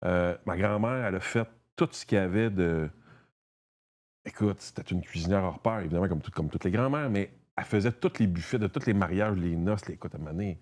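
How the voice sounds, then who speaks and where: A man's voice: sits low, fairly quick, a little mellow. A man from Quebec with a Québécois French accent, a guest chatting casually and rambling, with many restarts and a lot of "tu sais". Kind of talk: casual conversation.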